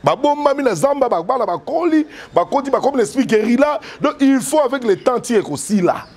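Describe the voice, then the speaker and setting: A middle-aged man with a Congolese accent, a former soldier and politician, gives an emphatic interview about politics, gesturing as he switches between French and Lingala. His voice is extremely high, animated, brisk, and a little mellow. He stands indoors beside a yellow wall, a furry handheld mic held close.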